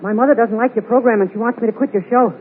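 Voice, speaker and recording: A man's voice: very high voice, steady tone, racing. A young actor playing a naive, earnest mama's boy in a 1940s AM radio comedy. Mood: earnest, innocent. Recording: noisy, tinny old AM radio broadcast.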